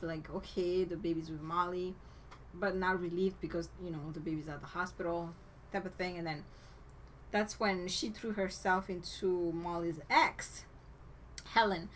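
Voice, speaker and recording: A woman's voice: on the low side, slight background noise. Woman chatting through a movie plot. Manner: chatty storytelling, strings clauses with "and then". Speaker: podcast co-host. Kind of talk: casual movie recap chat.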